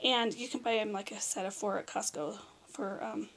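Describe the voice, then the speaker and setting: A middle-aged American woman with a hoarse, raspy voice that is giving out into whispery patches, chatting casually and informally as she gives a tour. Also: medium pitch, fairly even intonation, moderate pace, a bit bright. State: hoarse, losing her voice. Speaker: vlog host. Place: small room at home, indoors.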